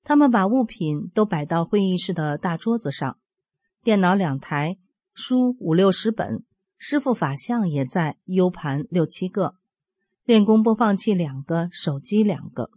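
A woman in her fifties reading aloud a personal account in an earnest, steady storytelling way. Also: on the low side, measured pace, no echo. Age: 50s. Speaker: religious practitioner sharing a testimony.

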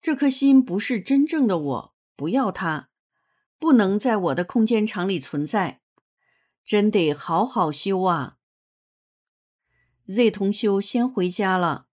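A woman reading a first-person testimony aloud in a measured, earnest way. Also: mid-range voice, animated, a little mellow.

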